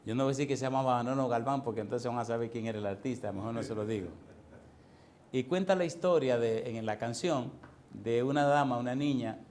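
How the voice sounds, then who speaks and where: A man's voice: mid-range voice, brisk, a little mellow, a little hiss or hum. A male pastor preaching a sermon in a church, firing emphatic rhetorical questions at the congregation.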